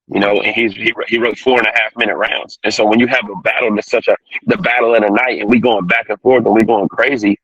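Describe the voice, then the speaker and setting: A man being interviewed over an online call that sounds fuzzy and distorted, talking quickly with many fillers. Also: lowish voice, little pitch movement, fairly bright tone, breathy edge, no room sound. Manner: rapid, full of "you know" fillers. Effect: fuzzy distorted connection. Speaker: battle rapper guest. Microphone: online call from a phone on mobile data. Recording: dull lo-fi distorted call audio.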